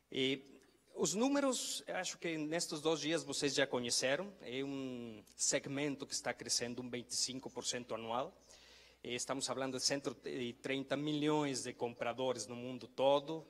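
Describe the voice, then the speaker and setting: Man presenting in an echoing hall. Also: mid-range voice. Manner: hesitant, self-correcting. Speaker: trade promotion representative. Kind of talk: conference presentation. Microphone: handheld microphone. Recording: reverberant conference hall.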